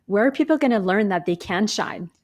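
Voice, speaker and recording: A woman's voice: medium pitch, lively intonation, a little fast. Earnest upbeat woman on a laggy call. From Canada. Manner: earnest, upbeat, speaks in encouraging slogans. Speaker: guest, business owner. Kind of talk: motivational conversation. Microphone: video call with lag.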